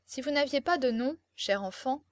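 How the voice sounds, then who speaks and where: A woman reads a scheming older prince in an audiobook. He speaks calmly and solemnly in a measured way, and the recording is dry and close. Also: high-pitched, dry recording. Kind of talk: audiobook character reading.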